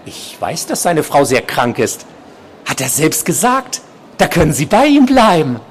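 A man voicing a soft-spoken, obsessive male psychiatric patient, quiet and insistent, while reading from his novel. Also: a little high, big pitch swings, measured pace, a little hiss or hum, voice pushed up.

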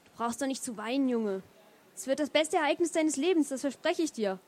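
A woman's voice: high-pitched, lively intonation, brisk, a little mellow. Woman reading a confused old grandfather. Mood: fond.

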